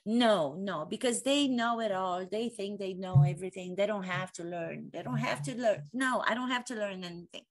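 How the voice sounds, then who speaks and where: A Romanian-accented acting coach in her forties gives an impassioned monologue to camera, full of rhetorical questions and repeated phrases. Her voice is medium-pitched, and she speaks at a moderate pace with hardly any pauses.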